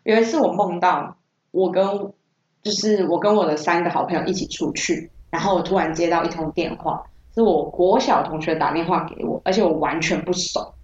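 A woman from Taiwan hosting a podcast, telling stories in a casual, animated way, laughing often and acting out the people she quotes. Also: lowish voice, brisk, lo-fi sound, a little hiss or hum. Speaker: podcast host. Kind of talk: casual storytelling chat. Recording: echoey room.

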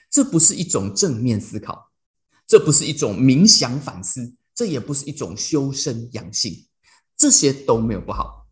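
A man with a Taiwanese Mandarin accent hosting a casual devotional talk, telling stories playfully and dropping in English phrases. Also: mid-range voice. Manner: playful, animated storytelling mixed with English phrases. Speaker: devotional podcast host.

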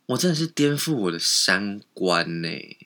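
A man's voice: sits low, gravelly, sharp tone. A man, co-hosting a podcast and gossiping bluntly, swearing freely. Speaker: podcast co-host. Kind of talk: casual gossip chat.

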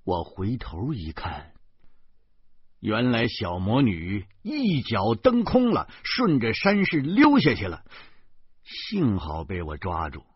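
A man with a Beijing accent tells a story slowly in a lively, swinging voice that dips low at times. The sound is dry and a little dull, with nothing around it. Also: slightly rough, no echo. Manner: lively, dramatic storytelling in Beijing colloquial speech. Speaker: audiobook narrator. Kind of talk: storytelling narration. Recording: muffled, dry close recording.

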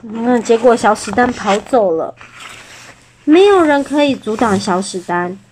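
A woman's voice: on the high side, lively intonation, unhurried, slight background noise. Taiwanese mother reading a bedtime story. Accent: Taiwanese Mandarin. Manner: gentle, chatty, asks the child questions. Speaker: mother reading to her child.

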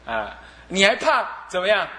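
A man's voice: high voice, big pitch swings, normal speed, pushed and bright, roomy sound. A man with a Taiwanese Mandarin accent, a Buddhist abbot giving a sermon on a sutra, chuckling and asking his listeners rhetorical questions over and over. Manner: chuckling, asks the audience rhetorical questions again and again. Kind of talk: Buddhist sermon, lively lecture.

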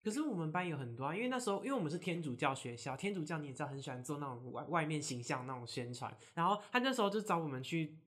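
A woman co-hosting a podcast who chats casually and fires off quick reactions and questions. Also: deep voice, animated, a bit bright. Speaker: podcast co-host. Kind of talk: casual chat.

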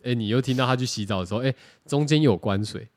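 A man's voice: mid-range voice, fast. Rambling man. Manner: rambling, animated, self-correcting. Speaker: podcast co-host. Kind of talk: casual chat.

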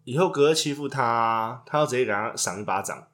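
A man's voice: medium pitch, fairly quick, fairly bright tone. A man, co-hosting a casual chat and trading crude jokes. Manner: joking, crude banter. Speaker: podcast co-host.

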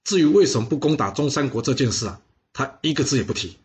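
A man telling a history story in a casual, lively, exclamatory way with chatty asides. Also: medium pitch, fast.

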